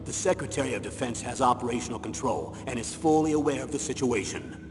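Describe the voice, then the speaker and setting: An actor playing a grave military colonel in a video game, delivering a commanding briefing. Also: male voice, mid-range voice, lively intonation, fast, lightly acted. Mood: firm, matter-of-fact. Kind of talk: scripted video game voice acting. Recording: echoey hall, noisy ambience.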